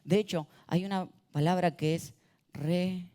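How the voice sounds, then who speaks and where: A male pastor giving a sermon in a church, animated and having the congregation repeat words after him. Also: high-pitched, unhurried. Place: church auditorium. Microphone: handheld or stage mic.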